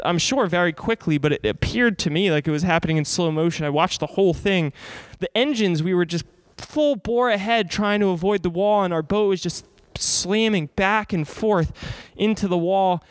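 A man's voice: high-pitched, smooth, no room sound. A man hosting a podcast, telling travel stories in a chatty, informal, explanatory way. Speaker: podcast host. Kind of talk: casual first-person travel storytelling. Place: inside an abandoned church.

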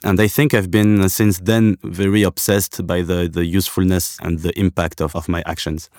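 A man from Algeria speaks in a deep, low register, weighing his words as a podcast guest. He pauses often and circles back to restart his thoughts. The sound is close and dry, with no room around it. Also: flat delivery, a little mellow, dry recording. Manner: thoughtful, hesitant with frequent restarts. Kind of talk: podcast interview.

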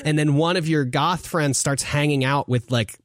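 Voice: medium pitch, normal speed. A co-host of a video game show chatting casually and laughing often, recording from inside a closet in a vacation house. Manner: laughs often, animated and joking. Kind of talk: casual chat.

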